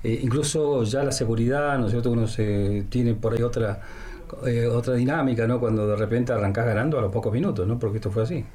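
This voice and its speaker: A man's voice: mid-range voice, fast talker, warm tone. A man with an Argentine accent hosting a radio sports interview, chatty and full of leading questions and fillers. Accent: Argentine Spanish.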